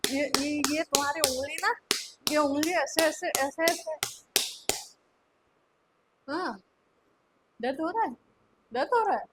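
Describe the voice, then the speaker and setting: A woman's voice: high voice, very noisy. A woman playing a strict scolding schoolteacher. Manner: nagging, repeats herself, keeps demanding answers. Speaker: vlogger acting in a skit. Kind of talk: staged classroom skit.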